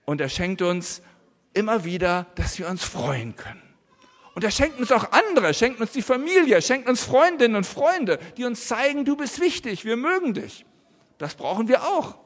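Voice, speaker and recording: A man's voice: extremely high pitch, sing-song, moderate pace, in a large hall. A man preaching a family sermon to children and adults in a church, using simple, friendly words for the children. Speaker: pastor.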